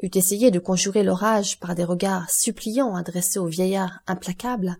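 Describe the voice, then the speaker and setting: A woman narrates a classic novel with a measured, expressive delivery. Her voice sits at a middling pitch with a warm, mellow tone. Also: slightly rough. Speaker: audiobook narrator.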